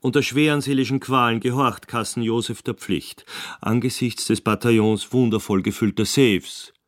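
A man's voice: mid-range voice, fairly even intonation, normal speed, no echo, clean studio sound. A man narrating a scripted radio play in a wry, formal storytelling manner. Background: music under the voice.

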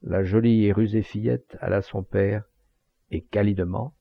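A man reading an audiobook in a measured storytelling way, in a slightly muffled home recording. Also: lowish voice, steady tone, vocal fry. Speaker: audiobook reader. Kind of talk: scripted audiobook narration.

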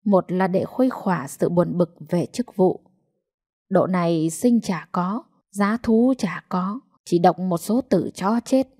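Calm woman narrating a story. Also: fairly low pitch, takes it slowly, dry recording, studio quality. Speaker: audiobook narrator.

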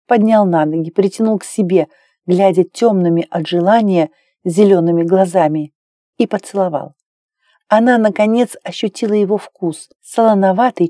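Reading from a script, a woman narrates an audiobook gently and at a measured pace, like someone telling a story. She speaks at a medium pitch, captured in a clean studio with no echo at all.

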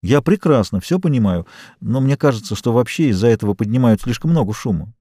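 A man reading a calm, stubborn young woman who firmly holds to her decision, in an audiobook. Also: medium pitch, brisk, no room sound, clean studio sound, close to an everyday voice. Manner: calm, firm, self-assured.

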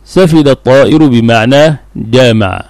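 A man teaching as a sheikh, explaining a classical text in a recorded lesson and repeating words slowly for emphasis. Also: mid-range voice, darkish tone, no room sound.

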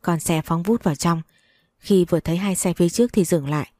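A woman's voice: fairly low pitch, fairly quick, mellow, no echo, clean studio sound. A woman narrating a first-person story in an earnest, emotional reading.

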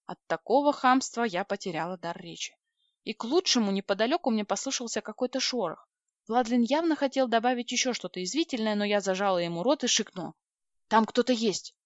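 A woman reading a first-person audiobook in a lively, wry, expressive manner. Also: on the high side, quick pace, no room sound. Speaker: audiobook reader. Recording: dry, slightly dull recording.

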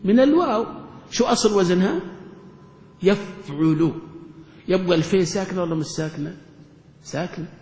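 A man teaching grammar to a class, asking quick questions and answering them himself. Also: high-pitched, lively intonation, darkish tone. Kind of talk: classroom lesson explaining grammar. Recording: echoey hall recording.

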